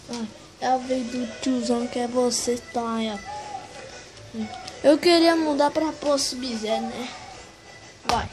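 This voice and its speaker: A woman vlogger giving casual, excitable commentary full of exclamations while she plays. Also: fairly high pitch, noisy background. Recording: loud music playing over the voice.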